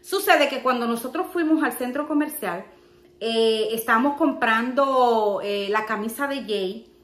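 A young Dominican woman with a Dominican Spanish accent, telling a story as a vlogger in a chatty, animated, exclamatory way and acting out the voices she quotes, recorded in her home kitchen. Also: a little high, unhurried, echoey room.

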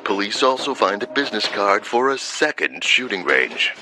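A man reading a scripted true-crime documentary narration in a measured voice. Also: fairly low pitch, sing-song. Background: documentary music.

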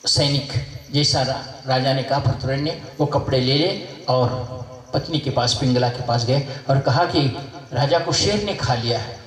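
A man's voice: medium pitch, measured pace. A man, a spiritual teacher, telling a devotional story in a sermon and acting out its voices. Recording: echoey hall, mic far off.

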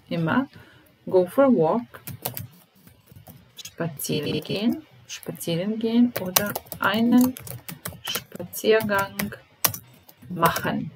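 A woman teaching German vocabulary, explaining in English and slowly repeating each word and verb form. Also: mid-range voice, a little hiss or hum, poor audio. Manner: slow and deliberate, repeating each word and conjugating verbs. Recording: music playing under the voice.

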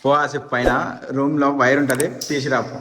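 A man vlogging as he explores an abandoned building. He talks quickly and excitedly, then drops to hushed low talk. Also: big-room sound, heavy background noise. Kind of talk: casual handheld ghost-hunt vlog.

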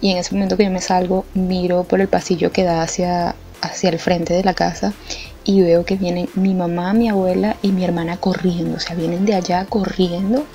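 A young Venezuelan woman telling a funny anecdote in a lively, colloquial way, laughing often. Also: on the low side, normal speed. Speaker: art vlogger. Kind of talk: casual storytelling. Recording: slightly muffled with faint music. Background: faint background music.

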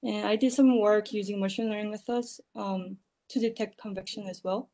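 A woman from South Korea introducing herself on a video call, sounding a bit tired and trailing off softly at the ends of phrases. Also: mid-range voice, steady tone, moderate pace. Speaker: early-career researcher. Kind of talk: online panel self-introduction.

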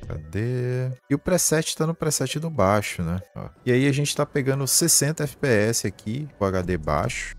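A man with a lowish, darkish voice and a Brazilian Portuguese accent walks through a gaming tutorial step by step over a screen share. His live commentary is informal and sprinkled with colloquial verbal tags.

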